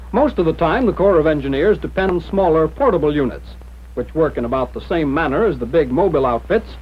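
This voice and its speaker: 1940s-style narrator, American man, higher-pitched voice, slightly husky, formal instructional delivery, dull vintage film soundtrack. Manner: mid-century newsreel-style narrator, formal, measured instruction.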